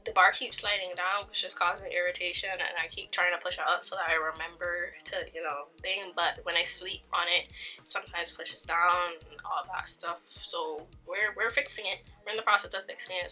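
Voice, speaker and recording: A woman's voice: on the low side, pushed and bright, poor audio. A young woman chatting casually to her viewers in a vlog, laughing often between stories. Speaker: vlogger. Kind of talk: casual chat.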